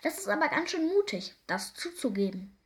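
A woman's voice: high voice, big pitch swings, normal speed, pitched above the performer's own voice. A woman voicing Karl, a male sheep in a children's storybook who calls out in a raised, teasing voice. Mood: approving. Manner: calling out, raised voice.

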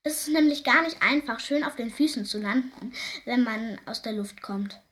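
Reading a children's story aloud, a woman sounds lively and expressive. Her pitch is fairly high and her pace moderate.

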